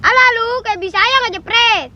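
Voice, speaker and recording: A woman's voice: extremely high pitch, normal speed, sharp tone, muffled recording, slight background noise, full character voice. A woman playing a bossy, taunting youngster in a comedy skit, with a Jakarta Betawi accent. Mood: bickering, bossy. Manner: bickering, taunting.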